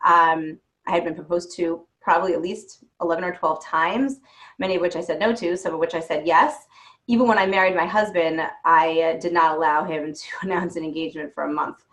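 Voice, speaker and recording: A woman's voice: lowish voice, fairly even intonation, a little fast, a bit bright. A woman dating coach giving frank, reassuring advice and sharing her own stories. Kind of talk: advice talk answering questions.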